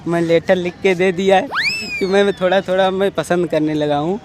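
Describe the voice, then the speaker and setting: A young man with a fairly high voice tells a rambling, animated story in a casual street interview. He acts out the dialogue himself and sometimes breaks into a shout. He is recorded outdoors by a street, with traffic passing behind him. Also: brisk.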